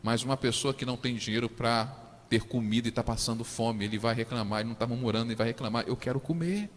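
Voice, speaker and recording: A man with a Brazilian Portuguese accent preaching a sermon as pastor, swinging from quiet low asides to loud high outbursts and acting out the voices of suffering people. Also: level tone, quick pace, in a large hall, a little hiss or hum. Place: church.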